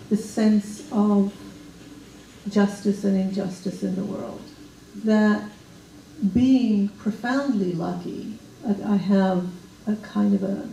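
An older woman from Ethiopia, a guest talking in a measured, reflective way with hesitations into a handheld mic on a small stage. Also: mid-range voice, gravelly, dark tone, distant mic, slight background noise. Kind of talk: interview conversation. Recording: roomy hall sound from afar.

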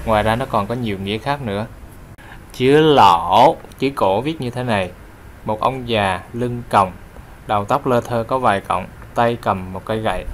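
A man with a Vietnamese accent teaching Chinese, explaining characters and leading slow, clear repetition drills. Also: fairly low pitch, fairly bright tone, a little hiss or hum. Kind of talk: language lesson with read-aloud drills.

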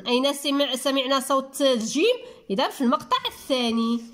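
A woman with a Moroccan accent teaches young children to read, her voice pitched high above the usual. She slows right down on key words and stretches them out syllable by syllable, then explains calmly before moving on. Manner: drawn-out, syllable-by-syllable word spelling. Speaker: primary school teacher. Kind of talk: reading lesson for young children.

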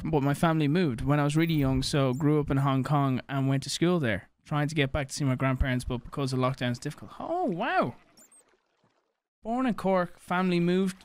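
A young man livestreaming from a small home room into a studio mic, reading out donor names and thanking them in a quick, loose patter. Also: a little high. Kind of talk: casual stream chat reading donations. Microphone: studio mic on boom, headphones on.

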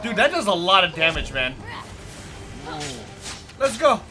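A young man giving casual, playful and excitable commentary while playing a video game. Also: sits high, quick pace. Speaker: gaming video host. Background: video game music.

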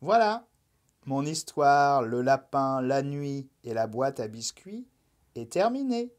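A woman reading a children's bedtime story aloud, gentle and expressive. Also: rumbling low, slow pace.

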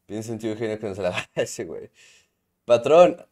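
A man's voice: lowish voice, expressive, moderate pace, a little mellow. A young man with a Mexican accent, chatting casually and joking while reading his stream chat aloud. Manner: joking banter, reads chat aloud, slangy.

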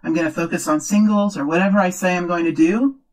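A woman speaking as a fortune teller, improvising a tarot reading in earnest, halting, repeated short phrases. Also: fairly low pitch, a little mellow, low-quality recording. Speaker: tarot reader, host.

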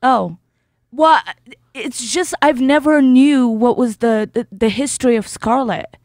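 A woman's voice: on the high side, unhurried, darkish tone, no room sound, clean studio sound. A woman talking in a casual, conversational way as a co-host on a review show. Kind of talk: casual chat.

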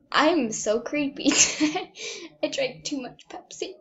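A high-pitched young woman chats slowly and giggles her way through a rambling home vlog, often poking fun at herself. The recording sounds a little muffled, with a faint hiss behind her voice. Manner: giggly and self-mocking. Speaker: vlogger. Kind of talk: rambling casual vlog chat. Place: at home with a dog nearby.

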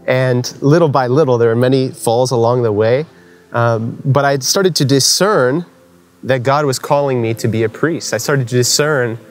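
A man's voice: medium pitch, moderate pace, faint music behind. A young man giving an earnest personal faith testimony at a conference, telling his story conversationally with frequent fillers. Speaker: conference speaker.

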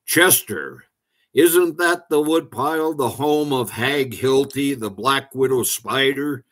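A man's voice: medium pitch, takes it slowly, fairly bright tone. Father mantis, caring and concerned, storybook character, read by a man.

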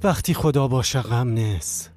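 A man playing a calm, wise old father. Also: mid-range voice, natural voice. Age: older. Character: calm, devout older father giving counsel. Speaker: dubbing actor. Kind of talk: dubbed TV drama.

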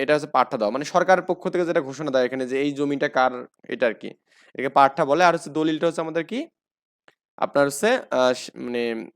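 Bangladeshi guy tutoring for exams, fairly high voice, keeps quizzing then answering himself. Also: clean tone. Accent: Bangladeshi Bengali. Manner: asks questions and answers them himself; repeats key facts, frequent fillers. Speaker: exam-prep teacher. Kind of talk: explaining lecture.

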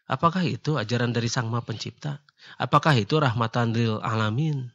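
A man calmly explaining religious teachings in a casual radio discussion, laughing now and then. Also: mid-range voice, brisk. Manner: calm, explaining, laughs easily, mixes in local words. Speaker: martial arts teacher answering questions. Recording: dull lo-fi online radio sound.

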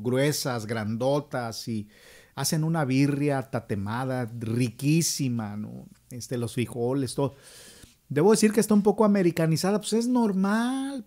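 A middle-aged Mexican man with a Mexican accent hosts a channel, speaking in a fairly high, slightly mellow voice. He delivers an opinion monologue and throws rhetorical questions at viewers.

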